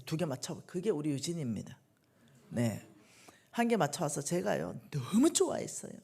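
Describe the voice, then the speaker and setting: A middle-aged woman delivers a sermon in a church with a low, husky, gravelly voice. Her pitch moves widely as she preaches, and she swings between hushed asides and loud, emphatic bursts. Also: sing-song, normal speed. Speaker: lay minister preaching at a church revival meeting.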